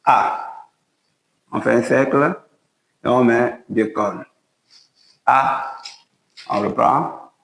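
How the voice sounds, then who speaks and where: A man's voice: mid-range voice, gravelly, fairly bright tone, roomy sound, poor audio. A man teaching how to write and read the letters of an alphabet, guiding each stroke step by step in a patient way. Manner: slow, patient step-by-step instruction. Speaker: language teacher. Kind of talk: writing lesson at a board.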